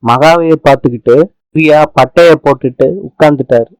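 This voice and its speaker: A man's voice: a little high, brisk, clean tone, no room sound, low-quality recording. A man narrating a recap of a TV serial episode in a plain, matter-of-fact way. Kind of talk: casual storytelling recap.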